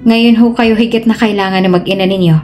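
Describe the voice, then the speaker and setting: A woman's voice: mid-range voice, steady tone, quick pace, a little mellow, soft background music, close to an everyday voice. Woman doing a polite reassuring doctor.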